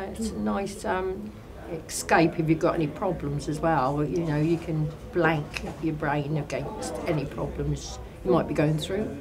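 Older woman, slightly low pitch, casual interview, crowd chatter behind. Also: creaky. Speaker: bingo customer.

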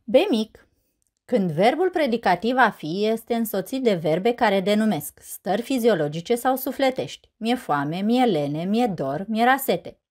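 Woman in a measured spoken lesson. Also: mid-range voice, animated, a little mellow. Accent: Romanian. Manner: clear, measured, asks and answers her own questions. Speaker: teacher presenting a grammar lesson. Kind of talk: scripted lesson narration.

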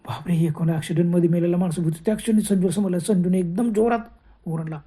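A man's voice: sits high, fast, warm tone. A man telling a horror story in a dramatic way, full of gasping exclamations.

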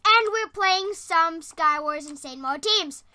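Young woman, gaming host, high voice, very bright and sharp, excitable, casual commentary. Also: takes it slowly. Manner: excitable, exclamatory.

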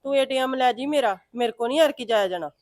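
A woman with a Punjabi accent playing a quick-tongued village mother who scolds and chats with her grown son and a neighbour in a drama. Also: high-pitched, darkish tone, dry recording, studio quality, close to an everyday voice. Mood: scolding. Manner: nagging, fast and insistent.

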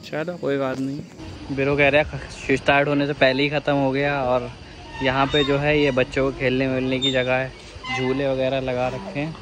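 In a casual outdoor vlog at a hillside restaurant and park, a young man from India teases his friend as he walks, speaking at a moderate pace in a medium-pitched voice with a completely flat delivery. It's recorded on a handheld phone, and background noise is clearly audible.

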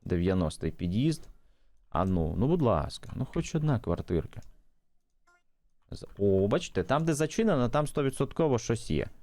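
A man with a lowish voice gives casual running commentary over his mobile gameplay, chatty and thinking aloud to his viewers. His pitch swings a lot as he reacts to the game, and the sound is dry and close, with no room echo. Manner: chatty, animated, thinks aloud while playing.

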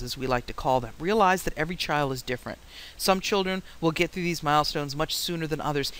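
A woman teaching a psychology lecture, explaining points with anecdotes and deliberately varying her pitch, pace and loudness. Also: clean tone, rough recording. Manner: varies pitch, rate and loudness on purpose. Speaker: psychology instructor. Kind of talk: classroom lecture.

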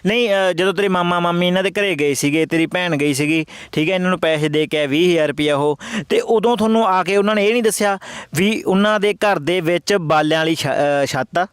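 A pushy, probing journalist, played by a man in a mock interview. His voice is high and quick, clear and dry, and he keeps pressing for answers. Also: no room sound, lightly acted. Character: pushy street journalist questioning a quarrelling couple.

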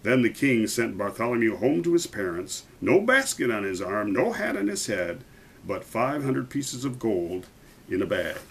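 A man reading a picture book aloud to children, animated and stopping to point out the pictures. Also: mid-range voice, normal speed, breathy edge, poor audio.

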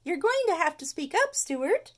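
A woman voicing a prim schoolteacher, loud and high as she questions a pupil. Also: sing-song, moderate pace. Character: shrill grown-up female schoolteacher.

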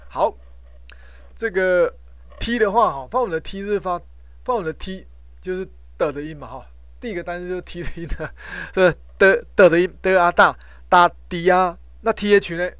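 A middle-aged man giving an informal lecture on Sanskrit pronunciation, repeating himself and ending phrases with a drawn-out "ha". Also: high-pitched, a bit bright, clean tone, dry recording. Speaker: professor teaching Sanskrit pronunciation.

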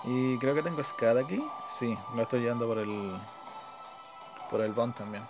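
Mobile game battle music plays under a man's medium-pitched, fairly even voice as he comments on his gameplay live. A gamer and creator with a Chilean Spanish accent, he keeps a moderate pace, muttering casually and using plenty of slang.

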